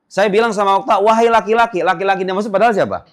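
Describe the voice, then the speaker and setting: A man gives a classroom grammar lesson in a fairly high voice. He explains step by step and often stops to ask whether the class understands. He draws the example words out slowly, almost chanting them. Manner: explains step by step, asking "paham nggak?". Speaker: Arabic grammar teacher. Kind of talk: classroom lecture.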